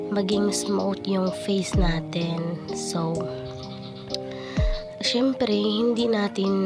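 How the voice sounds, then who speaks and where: A woman with a cold and a cough, speaking through a voice changer that pitches her voice down. She chats casually to viewers while narrating a morning routine. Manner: chatty, addresses viewers as guys. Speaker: vlogger. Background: loud background music.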